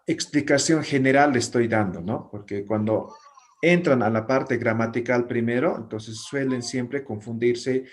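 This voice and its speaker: Patient male teacher, mid-pitched voice. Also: a little slow. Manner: patient, explanatory, keeps checking understanding. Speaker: language teacher. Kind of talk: online class lecture.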